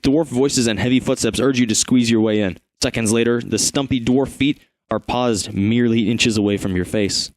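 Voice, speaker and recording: A man's voice: mid-range voice, normal speed, hardly any pauses, dry recording. A man hosting a podcast, reading an adventure gamebook aloud with casual asides and self-corrections. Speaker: host and narrator.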